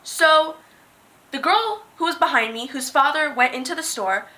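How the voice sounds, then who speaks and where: A young woman in her late teens telling a story-time vlog, with an animated, dramatic way of talking. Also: high voice, moderate pace. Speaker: vlogger.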